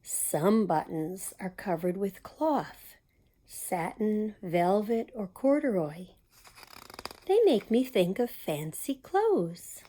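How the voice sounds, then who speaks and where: At a community library, a woman hosts storytime, reading a children's picture book aloud expressively and adding small asides for young listeners. Her mid-range voice is dark-toned and very animated, and she reads slowly.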